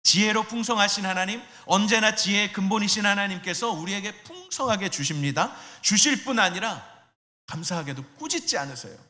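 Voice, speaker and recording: A man's voice: high-pitched, expressive, a little fast, pushed and bright, in a large hall. A middle-aged male pastor preaching a sermon in a church, asking his listeners questions and acting out quoted voices. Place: church sanctuary.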